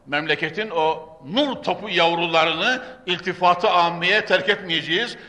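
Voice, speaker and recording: A man preaching a sermon into a pulpit microphone in a large hall. He declaims Arabic quotations and then drops to hushed, earnest tones. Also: high voice, unhurried. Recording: echoey hall with long reverb.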